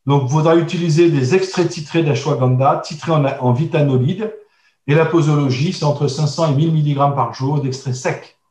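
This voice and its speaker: A man's voice: on the high side, moderate pace, a little mellow. A man with a slightly raised voice teaches a course, talking his students through slide after slide. He breaks off mid-phrase, restarts, and adds small asides to the class. The sound is distant and echoey, as if the mic sits across a hollow room. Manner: explanatory, many hesitations and restarts, asides to listeners. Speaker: trainer teaching a course on herbal medicine. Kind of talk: recorded online lesson with slides.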